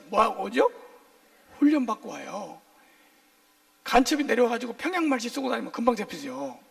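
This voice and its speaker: A male pastor preaching a sermon in a lively, joking way, firing questions at his congregation for call-and-response. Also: sits high, gravelly, recorded from a distance. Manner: jokey, playful asides.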